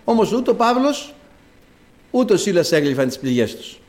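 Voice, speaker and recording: A male preacher delivering a sermon. His voice sits high and swings widely in pitch, and he preaches in an emphatic, animated way.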